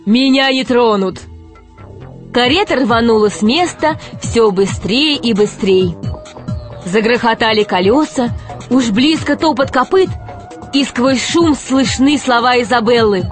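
A woman narrating a children's fairy tale in a lively, expressive way. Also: a little high, unhurried, soft background music.

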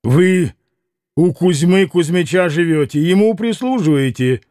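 A man voicing a desperate, hot-tempered young man in an audiobook reading, impassioned and shouting. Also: fairly high pitch, expressive, unhurried, dry recording, clean studio sound.

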